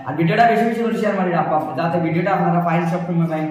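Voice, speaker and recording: A young man with a Sylheti-influenced southern Assam Bengali accent gives an informal, urgent, repetitive sales pitch to the camera as a vlogger. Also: very fast, darkish tone. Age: young adult. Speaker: vlogger promoting a lucky draw. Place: small bare indoor room. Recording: very echoey hard room, faint noise, clicks.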